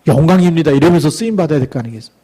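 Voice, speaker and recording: A middle-aged male pastor delivering a sermon, exhorting the congregation with rhetorical questions and reading scripture aloud slowly for emphasis. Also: a little high, lively intonation, darkish tone.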